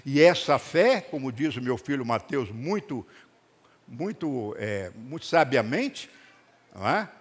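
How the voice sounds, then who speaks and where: Animated older man preaching in a hall. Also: mid-range voice, unhurried, breathy edge. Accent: Brazilian Portuguese. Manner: lively storytelling with acted-out dialogue and jokes. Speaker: rabbi preaching. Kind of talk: sermon. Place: congregation hall. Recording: long hall reverb.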